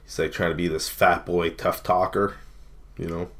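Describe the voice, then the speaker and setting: A man's voice: low-pitched, level tone, moderate pace, a bit bright. A Canadian man ranting and reacting to clips, profane and mocking, often breaking into laughter. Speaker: streamer. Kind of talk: casual reaction rant.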